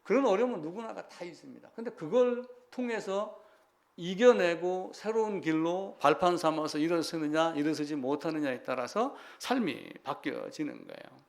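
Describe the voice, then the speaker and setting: A male pastor preaching a sermon in a lively, animated way, acting out people crying out to God. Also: a little high, moderate pace, vocal fry.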